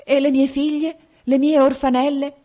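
A woman's voice: high voice, flat delivery, moderate pace, dark tone, pitched above the performer's own voice, natural voice. Woman voicing a sobbing young noblewoman. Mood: pleading. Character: distressed young noblewoman mother, pleading through sobs. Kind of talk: audiobook character reading.

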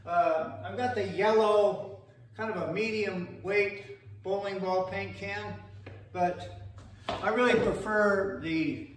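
A higher-voiced older man in his sixties hosts a jokey home how-to, talking slowly and rambling with plenty of fillers. His voice rings around an echoey hallway, with a faint hiss underneath. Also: steady tone. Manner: joking, playful, rambling with fillers. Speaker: host. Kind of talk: comic how-to demo. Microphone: wireless earbuds.

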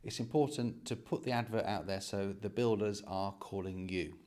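Filming himself indoors in an empty house with a phone at arm's length, a fortyish British property vlogger talks casually to camera. He has a lowish, slightly mellow voice and a moderate pace.

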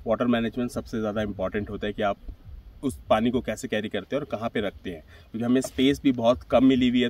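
A man's voice: medium pitch, darkish tone, distant mic, rough recording. A middle-aged man explaining, in a practical way, how he built his small camper van, recorded outdoors on a hillside. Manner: practical, explanatory, gestures while talking. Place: outdoors on a grassy hillside beside a small car. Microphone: camera at a few metres.

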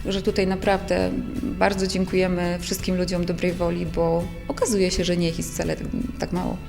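A woman's voice: lowish voice, little pitch movement, moderate pace, creaky, music in the background. A woman speaking informally in an interview as an animal shelter manager.

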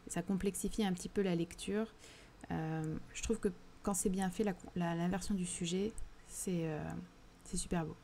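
A woman's voice: on the low side, fairly even intonation, normal speed, mellow, slight background noise. A woman with a southern French accent, hosting a live book discussion, speaking thoughtfully with frequent hesitations and restarts. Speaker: literary livestream host. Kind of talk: live book discussion reading chat questions.

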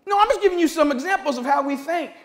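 A man's voice: extremely high pitch, expressive, fast, fairly bright tone. A middle-aged male pastor, preaching a sermon in a loose, conversational way with comic asides and acted-out dialogue.

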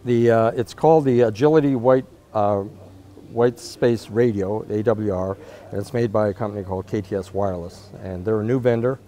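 A product marketer with a low voice and a somewhat dark tone explains products at normal speed. He gives an unscripted demonstration and answers interview questions at an indoor trade event interview spot.

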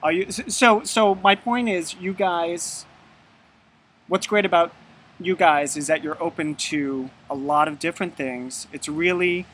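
Easygoing real estate agent. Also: male voice, on the high side, measured pace, fairly bright tone, slight background noise. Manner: easygoing, explains plainly, laughs along. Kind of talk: casual chat.

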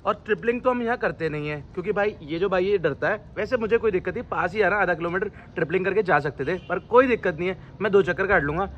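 A man's voice: sits high, fast, few pauses, lo-fi sound, slight background noise. Chatty young man vlogging, raised voice. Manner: chatty, joking, addresses viewers directly. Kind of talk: casual travel vlog.

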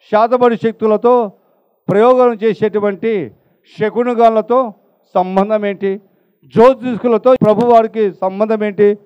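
Very high-voiced male preacher. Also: smooth, highs cut off. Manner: rhetorical questions, swinging between loud emphasis and hushed asides; urges the congregation to applaud. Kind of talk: sermon.

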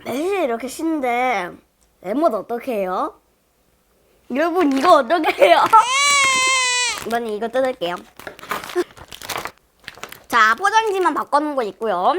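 High, animated woman wincing through sour reactions. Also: moderate pace, long pauses, a little hiss or hum. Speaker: host of a candy tasting challenge. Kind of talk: casual mukbang chat to viewers.

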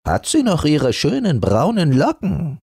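A man's voice: fairly high pitch, huge pitch swings, a little slow, vocal fry, warm tone, slightly rough, no room sound, clean studio sound, voice pushed up, full character voice. A man doing a wistful old dressing-gown husband.

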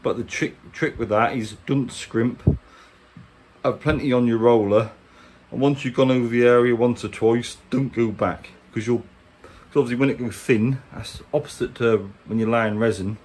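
A man with an English accent, a boat restorer, talks through a hands-on how-to at normal speed in a darkish mid-range voice with fairly even intonation. His delivery is chatty, colloquial, casual and plain-spoken. The handheld workshop recording carries clear background noise.

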